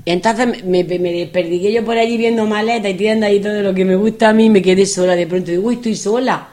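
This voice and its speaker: Chatty middle-aged woman, storyteller guest, lively anecdotes. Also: mid-range voice, fast talker. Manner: lively, animated anecdotes with acted quotes. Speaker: guest telling travel stories. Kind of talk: casual storytelling chat.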